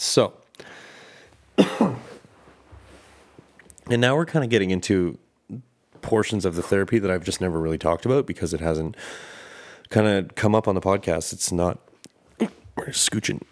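A man's voice: deep voice, darkish tone. A man hosting his own podcast, talking candidly and rambling with frequent swearing. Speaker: podcast host. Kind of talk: casual solo podcast monologue.

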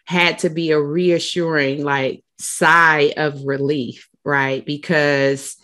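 A woman with a low voice hosts a podcast interview. She answers her guest in an affirming, reflective way and then asks her next question. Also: flat delivery, slow, fairly bright tone. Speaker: podcast host. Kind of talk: interview conversation.

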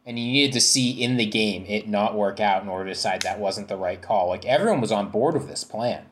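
A man's voice: fairly low pitch, a little fast. A man in a casual sports chat, telling a story with a dramatic setup. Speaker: panelist.

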